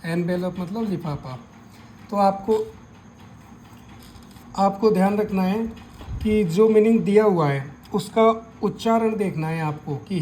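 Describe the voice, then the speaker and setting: Slow-speaking male grammar teacher. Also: high-pitched, warm tone, slight background noise, poor audio. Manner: slow, repetitive step-by-step explaining. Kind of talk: grammar lesson explanation.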